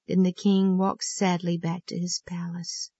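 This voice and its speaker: A woman's voice: on the low side, level tone, measured pace, no room sound. Woman children's Bible teacher, earnest storytelling, dull dry recording. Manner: earnest, gently emphatic storytelling.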